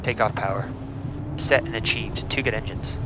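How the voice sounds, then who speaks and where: A man's voice: lowish voice, steady tone, normal speed. A man flying as pilot, giving terse, clipped checklist callouts over a cockpit headset intercom. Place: jet cockpit. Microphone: headset mic. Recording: muffled cockpit headset audio with engine noise. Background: engine and cockpit noise.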